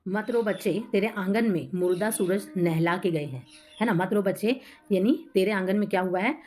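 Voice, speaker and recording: A woman teaching a poem to students, explaining each line slowly in a voice with inflection, often adding "hai na" and repeating herself. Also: mid-range voice, darkish tone, soft background music.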